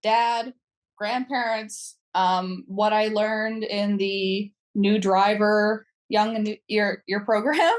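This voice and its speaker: A woman's voice: medium pitch, steady tone, takes it slowly. A young adult woman speaking as a guest on a podcast, chatty, often saying "like" and laughing lightly between phrases. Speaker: youth advisor guest. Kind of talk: casual podcast chat.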